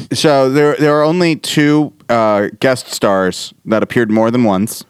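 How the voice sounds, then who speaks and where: A man's voice: medium pitch, steady tone, slow, clean tone, no room sound, studio quality. A man co-hosting a podcast in casual chat, rambling and laughing as he talks, with some swearing. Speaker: podcast co-host.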